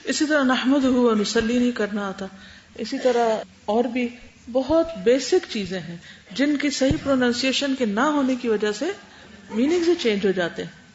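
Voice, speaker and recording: A woman's voice: on the high side, lively intonation, a little mellow, slight background noise. Brief: woman Quran teacher, explanatory lecture tone, roomy lo-fi recording. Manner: explanatory, mixes English words into Urdu. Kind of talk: classroom Q&A lecture. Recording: roomy, dull lo-fi classroom recording.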